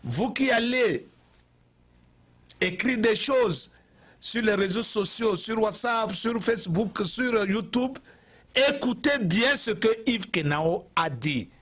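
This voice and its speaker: A man's voice: high-pitched, expressive, takes it slowly, fairly bright tone. A man from Togo, giving an impassioned TV address and repeating phrases for emphasis. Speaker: TV commentator.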